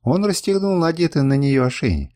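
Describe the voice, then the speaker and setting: Lively male audiobook narrator, dry sound. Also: fairly high pitch, brisk, no echo. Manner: lively expressive reading. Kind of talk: scripted narration.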